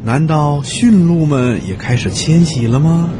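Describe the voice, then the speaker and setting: A man tells a children's story in a gentle, expressive voice. His pitch sits a little high for a man and moves a lot as he tells it. Soft music plays quietly behind him. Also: measured pace. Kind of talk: children's bedtime story narration.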